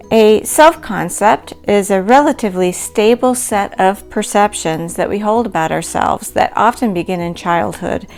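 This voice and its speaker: A middle-aged woman with a mid-range voice delivers a recorded lecture as an instructor, laying out concepts clearly and in a measured way.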